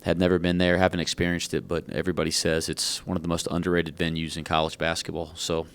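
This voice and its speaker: A man's voice: low-pitched, monotone, fast talker, clean tone. A man coaching basketball, answering at a press conference while out of breath, frank and rambling with a self-joking manner. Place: press conference room at a podium.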